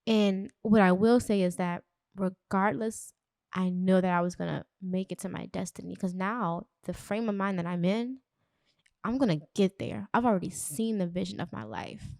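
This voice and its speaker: A woman's voice: medium pitch, moderate pace, a little mellow, no echo, studio quality. A young adult woman hosting a podcast, talking candidly and reflectively about her life and spirituality, addressing listeners directly. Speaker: podcast host. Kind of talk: casual personal monologue.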